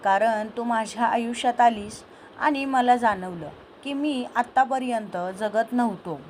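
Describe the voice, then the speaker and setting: A devoted young man in love, soft and reassuring, as a woman storyteller reads him. His voice sits fairly high, with a faint hiss of background noise under the read-aloud story. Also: measured pace, lightly acted. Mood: tender.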